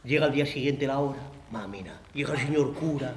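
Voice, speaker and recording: A man with an Asturian accent telling a comic folk tale in an earthy, animated way. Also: medium pitch, fairly quick, echoey room, noisy background. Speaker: storyteller.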